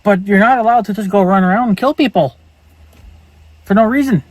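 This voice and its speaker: A man's voice: high voice, a little fast, darkish tone, dry recording, low-quality recording. A man ranting angrily and profanely in a casual vlog monologue, repeating himself as he goes. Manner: angry, profane, repetitive ranting. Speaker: vlogger.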